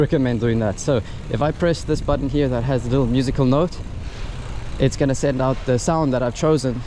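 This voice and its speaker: A gadget reviewer and vlogger with a warm, medium-pitched voice gives a casual, unscripted product review, thinking aloud informally. He's recording outdoors on a noisy city street full of traffic and urban sounds.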